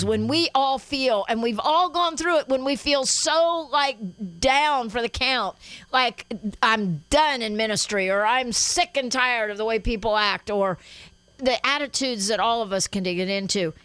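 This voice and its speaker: A woman's voice: a little high, fairly bright tone, no echo, rough recording. Fervent woman hosting a faith show. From Guatemala. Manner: fervent, punctuates with amens and praise. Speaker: host.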